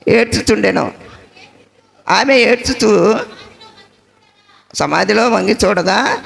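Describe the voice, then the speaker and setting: Woman preacher, gravelly voice, colloquial sermon storytelling with rhetorical questions. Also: a little high.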